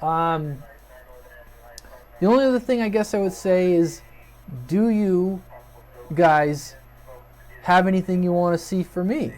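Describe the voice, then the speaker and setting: Here the channel host's voice is high-pitched and darkish, a little slow, and broken by frequent pauses. He rambles informally through an off-the-cuff update for fans of his hobby channel, picked up by a USB webcam on his desk.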